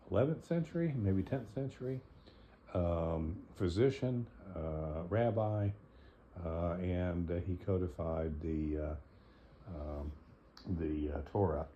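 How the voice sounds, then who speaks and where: A slightly hoarse man talking casually and reading a book aloud, pausing often with fillers, on a dull lo-fi recording. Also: low voice. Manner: hesitant, many fillers between phrases. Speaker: host reading and explaining a book. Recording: dull lo-fi recording, faint noise.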